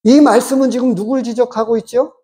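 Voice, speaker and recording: A pastor giving a measured, explanatory sermon and asking the congregation rhetorical questions. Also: mid-range voice, fairly even intonation, mellow.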